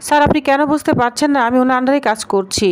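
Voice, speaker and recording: A timid young receptionist answers in a hesitant, apologetic way, as a woman narrator reads her. The voice is high and quick, in a read-aloud recap. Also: a little hiss or hum, close to an everyday voice.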